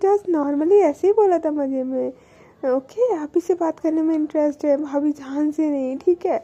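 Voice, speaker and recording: A woman's voice: high-pitched, unhurried, mellow, muffled recording. A woman voicing a playful, flustered young woman in a spoken love story, breezy and teasing.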